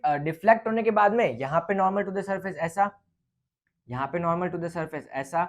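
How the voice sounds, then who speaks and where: A man's voice: a little high, slight background noise. Guy teaching physics, chatty, keeps saying "ok" between steps. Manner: casual, repeats "ठीक है" and thinks aloud. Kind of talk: explaining a lecture on light.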